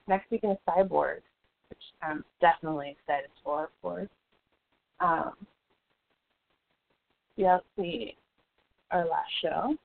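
A woman's voice: fairly low pitch, slow, vocal fry, long pauses. A woman co-hosting a casual fight-sports talk show, laughing often and talking loosely with fillers and swearing. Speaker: podcast co-host. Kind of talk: casual chat. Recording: tinny phone-like audio.

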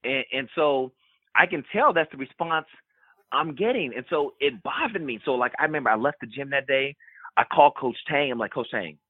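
A man, a former college basketball player and podcast guest, telling a personal story in an animated way and repeating words for emphasis. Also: mid-range voice, fairly quick, dry recording. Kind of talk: candid storytelling in a podcast interview. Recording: tinny remote call line, dry.

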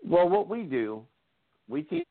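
A man's voice: high-pitched, huge pitch swings, measured pace, creaky, no echo. A man, a martial arts instructor, joining a casual panel chat over a remote call with a bad connection that keeps breaking up. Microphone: remote computer call. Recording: tinny, distant call line.

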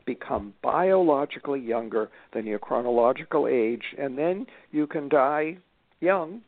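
Older man with a gravelly voice on a phone line. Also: mid-range voice, lively intonation, measured pace, no echo. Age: 70s. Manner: emphatic, repeats starts, many fillers. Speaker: guest author. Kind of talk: casual interview talk.

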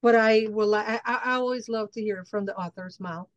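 A woman's voice: fairly high pitch, moderate pace, no room sound, dull audio. Effusive woman host, dry close sound. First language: Spanish. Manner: effusive, enthusiastic. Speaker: show host. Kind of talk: casual interview chat.

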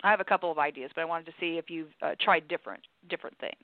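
A woman's voice: low-pitched, racing, dry recording. A woman hosting a talk radio show, giving conflict coaching advice in a friendly, chatty way with frequent restarts. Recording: phone-like dry lo-fi sound.

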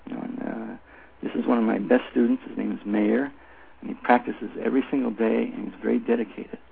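An older man talks in a very gravelly voice, as an instructor explaining in an interview. He tells anecdotes in an emphatic, repetitive, conversational way. The sound is a narrow phone line with a faint layer of noise. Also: lowish voice, steady tone, brisk. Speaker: Tai Chi instructor, interview guest.

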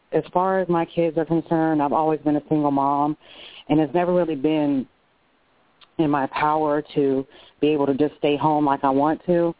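A low-pitched woman calls in to a radio show over a tinny, dry phone line with no room sound. She chats casually but earnestly, speaking personally and from the heart, restarting a few sentences along the way.

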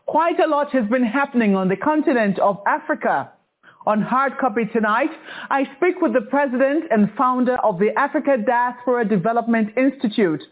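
A man hosting a TV interview show from a studio. He reads his introductions and asks questions in a measured, formal and courteous way. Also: very high-pitched. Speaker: TV talk show host. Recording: tinny phone-like rebroadcast.

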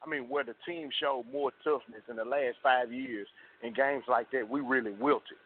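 A man calling in to a radio show on a cell phone, speaking earnestly and in a measured way about his team. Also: mid-range voice, fairly even intonation. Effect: heard over a cell phone line. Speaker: radio call-in caller. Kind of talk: earnest sports fan commentary. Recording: tinny cell phone line with faint hiss.

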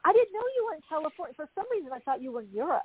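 Very fast and very animated, a woman with a high-pitched voice hosts a spiritual talk show, rambling casually, interviewing, and speaking informally to her listeners. There's no room sound, and the audio is thin and phone-like.

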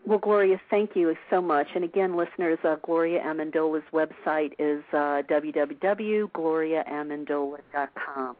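Low-voiced woman radio host, phone-like sound. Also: steady tone, normal speed, hardly any pauses. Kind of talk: conversational interview hosting. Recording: dry, narrow phone-like sound.

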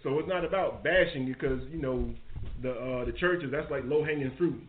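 A man teaching a live-streamed Bible study, reading verses aloud and retelling scripture in an animated, preachy way. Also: mid-range voice, normal speed. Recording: echoey, phone-like stream audio.

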